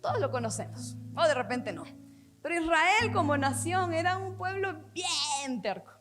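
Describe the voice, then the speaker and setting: A woman pastor with a high voice preaches a sermon earnestly. Her phrases often sink softly at the end. Faint music plays behind her. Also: sing-song, moderate pace. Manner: earnest, with soft dropping phrase endings.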